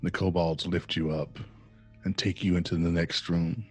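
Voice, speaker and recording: A man running a tabletop game as game master, narrating in a relaxed, matter-of-fact way. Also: low voice, moderate pace, slightly rough, faint music behind.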